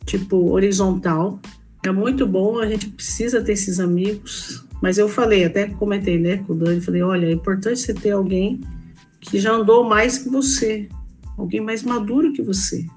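A woman with a Brazilian Portuguese accent giving an earnest, conversational sermon that presses her listeners with questions. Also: medium pitch. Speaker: preacher.

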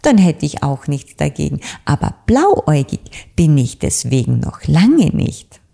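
A woman's voice: low-pitched, big pitch swings, measured pace, creaky, full character voice. A woman voicing a cheerful, carefree little witch girl in a children's storybook, speaking playfully. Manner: bright, playful.

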